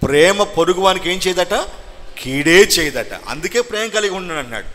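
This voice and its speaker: A male pastor delivers a Sunday sermon in a fairly high, bright, forceful voice that rings through a reverberant church hall. He drives it with call-and-response questions and loud bursts of exhortation. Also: animated, a little fast.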